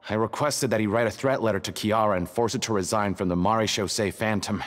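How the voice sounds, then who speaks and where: Speaking fast in a natural voice on the low side, a man plays a video game's smuggler prisoner who is jittery, resentful and self-justifying. The scripted lines come out stammering, defensive and indignant, with long hall reverb and music behind.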